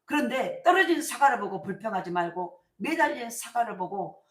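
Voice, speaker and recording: A middle-aged woman pastor preaching a sermon, telling stories in a colloquial, animated way with emphatic bursts. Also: a little high, moderate pace. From South Korea. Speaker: senior pastor. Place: church sanctuary. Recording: echoey church sanctuary.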